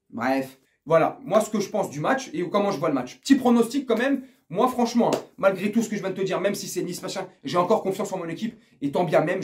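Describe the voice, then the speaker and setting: An older man with a high-pitched voice talks casually straight to the viewer. He rambles from point to point, swears freely and throws in crude jokes along the way. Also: darkish tone. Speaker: football fan vlogger. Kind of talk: casual pre-match chat to camera.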